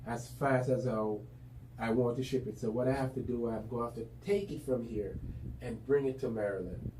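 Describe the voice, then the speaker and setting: Here the same kind of guest, a Jamaican man who owns a business, talks at a normal pace in a steady, dark, mid-range voice. His interview manner is relaxed and chatty, full of filler words. It's captured from afar in a reverberant room with a little noise underneath.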